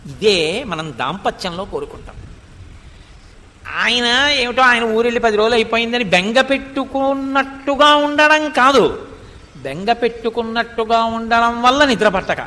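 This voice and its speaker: A man's voice: extremely high pitch, animated, moderate pace, bright, forceful tone, in a large hall. A man giving a devotional scripture discourse, expounding with rhetorical questions and reciting Sanskrit verses. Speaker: spiritual discourse speaker.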